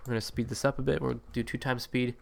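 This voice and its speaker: Speaking fast with little pitch movement, this man has a medium, creaky voice that sounds a bit congested from allergies. As a gameplay video creator, he offers loose, meandering commentary on a city-building game, packed with fillers and self-corrections.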